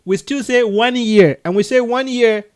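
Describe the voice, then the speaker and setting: A man with a Cameroonian accent, talking earnestly on a video call, with frequent restarts and soft laughs. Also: very high voice, moderate pace. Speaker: adoption agency leader. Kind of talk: casual video call conversation.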